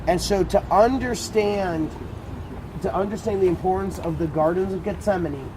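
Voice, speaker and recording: An animated male tour guide with a booming voice leads a group around a site, speaking conversationally at a moderate pace. He's outdoors, with street and vehicle noise clearly audible.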